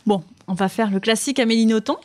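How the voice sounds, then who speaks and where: A woman's voice: fairly high pitch, fast talker. A woman presenting books in a casual chat, talkative with frequent fillers and easy laughter. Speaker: book reviewer on a radio show. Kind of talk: casual book chat and reading aloud.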